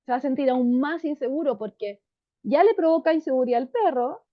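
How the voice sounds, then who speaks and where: A woman psychologist explains things to parents in a warm, calm, unhurried tone, often checking in with them. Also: high voice. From Chile. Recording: dull lo-fi sound.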